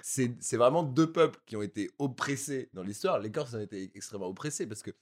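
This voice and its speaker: A man's voice: mid-range voice, animated, a little fast. A man from France in casual podcast chat, stumbling over repeated words and using street slang.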